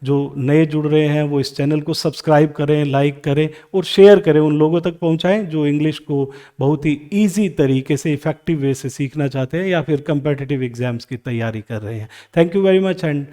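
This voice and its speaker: A man's voice: on the high side, moderate pace, hardly any pauses, warm tone. A man teaching an exam-prep English grammar lesson, explaining step by step and asking rhetorical questions.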